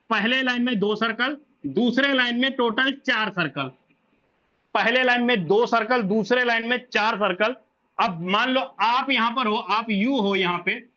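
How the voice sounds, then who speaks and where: Male presenter with a sharp, bright tone and muffled sound, walking through a referral plan and repeating points. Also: very high voice. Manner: repetitive, asks and answers own questions. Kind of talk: explaining a referral income plan. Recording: dull lo-fi audio.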